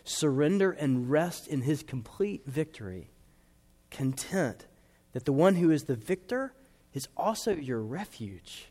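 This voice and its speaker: Man preaching in a reverberant church. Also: big pitch swings. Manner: earnest, slows down for emphasis and drops to soft low tones. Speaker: pastor. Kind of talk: sermon.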